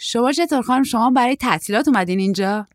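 A woman's voice: on the high side, expressive, dry recording, clean studio sound, pitched above the performer's own voice, lightly acted. A woman voicing a tall, lanky young male surfer who is shy but blunt and naive. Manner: naive, chatty, raised youthful delivery.

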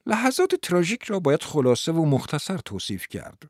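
A man narrating an audiobook in an expressive, dramatic storytelling manner. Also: on the high side, dry recording, clean studio sound.

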